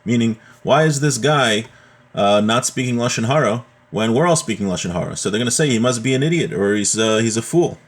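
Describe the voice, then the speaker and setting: A religion teacher gives an informal class, reading from a text and explaining it point by point with rhetorical questions. His voice is mid-range, animated, and fairly quick.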